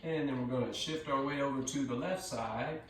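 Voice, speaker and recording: A man giving calm, measured step-by-step movement cues as a tai chi instructor. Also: mid-range voice. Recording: echoey room, distant mic, faint noise.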